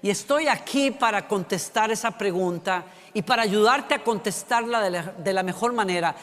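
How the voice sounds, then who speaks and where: A man delivers a sermon as a pastor, weaving humorous personal stories into his preaching. His voice sits high for a man. The sound carries a long reverb, as if recorded in a large hall. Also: moderate pace, a bit bright.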